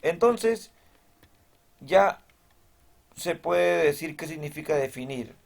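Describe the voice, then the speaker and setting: A man with a fairly high, creaky voice speaks slowly but with animation as he teaches a recorded lesson. He moves step by step, checks in with his students after almost every point, and reads definitions aloud from the text.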